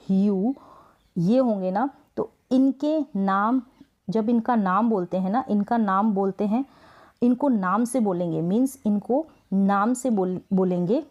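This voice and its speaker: Woman teacher, warm low-key tone, patient and repetitive, stretches words out slowly. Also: muffled recording. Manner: patient, repetitive, asks and answers own questions; drawn-out word sounding. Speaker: English spelling teacher. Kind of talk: Hindi-language spelling lesson.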